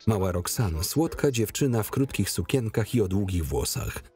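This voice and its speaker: Cyrano, a gallant poet-soldier. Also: male voice, on the low side, very animated, normal speed, a little mellow, soft background music. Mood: tender. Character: proud, eloquent male poet-soldier, gallant. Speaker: dub actor. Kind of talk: film dubbing.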